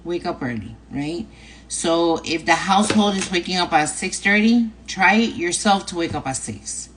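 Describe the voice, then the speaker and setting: A middle-aged New York woman with a New York accent hosts a casual advice livestream, chatty and repetitive, often tagging lines with "right?" and "okay?". Her voice is on the low side, animated and a bit bright, at normal speed. The recording is low quality with a little hiss or hum.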